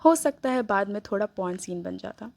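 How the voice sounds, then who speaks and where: A woman voicing a possessive, teasing young man who stays calm while threatening, in a dry-sounding recording. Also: medium pitch, fairly quick, gravelly, dry recording. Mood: teasing, menacing. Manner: smirking, coolly threatening. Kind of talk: read-aloud story dialogue.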